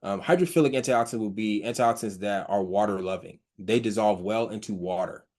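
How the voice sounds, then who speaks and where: Here a man with a fairly low, darkish voice reads research quotes about hydrogen and health from his slides. His explanations come out haltingly, full of fillers and restarts, and he mentions that he stutters.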